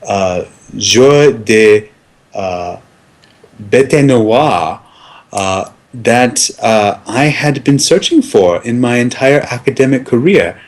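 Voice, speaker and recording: A man playing a pompous, fussy academic film critic in an improvised comedy sketch, halting and hesitating constantly. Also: mid-range voice, animated.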